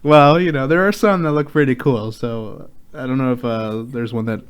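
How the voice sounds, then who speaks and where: A man's voice: mid-range voice, moderate pace. A man co-hosting a casual gaming chat show, chatty and swearing freely, getting worked up as he talks. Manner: chatty, swears freely, rants with rising excitement. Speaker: co-host.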